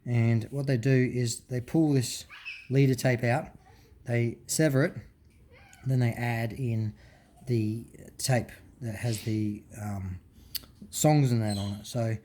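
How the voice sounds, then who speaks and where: An unhurried, mellow man of medium pitch walks through a hands-on teardown off the cuff, full of fillers and false starts. A slight hiss or hum sits under the recording.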